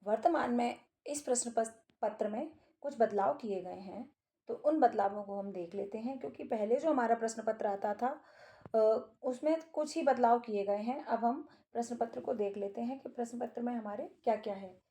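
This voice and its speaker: A woman teacher walks through a Sanskrit exam paper, reading each line aloud and then explaining it. Her voice sits fairly high, with a mellow, soft tone and nothing sharp in it. She talks as a patient instructor. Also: moderate pace. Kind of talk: exam paper walkthrough lesson.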